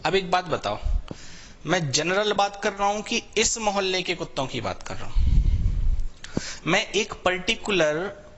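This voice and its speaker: Slow-explaining man teaching English with a Hindi accent. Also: high-pitched, animated, pushed and bright, a little hiss or hum. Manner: explains slowly, reads English example sentences word by word. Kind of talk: live online class.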